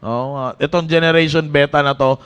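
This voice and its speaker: Brief: man, youth preacher, high voice, animated and joking, church sermon. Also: brisk, smooth. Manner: animated, joking storyteller who breaks into laughter. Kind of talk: casual Taglish sermon to young people.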